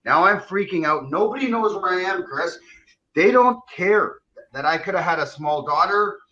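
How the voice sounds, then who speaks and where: A man's voice: high-pitched, expressive, moderate pace, sharp tone, a little hiss or hum. A middle-aged man telling his own story on a live stream, agitated and indignant, acting out what others said to him. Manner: agitated, indignant retelling with quoted dialogue. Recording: dull lo-fi stream audio.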